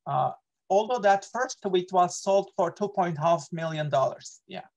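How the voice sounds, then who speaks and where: Over a video call, an associate professor runs an online workshop, earnest and prone to fillers and self-corrections. He is a middle-aged man from Turkey with a Turkish accent, and his high-pitched voice moves a bit slowly with a somewhat dark tone.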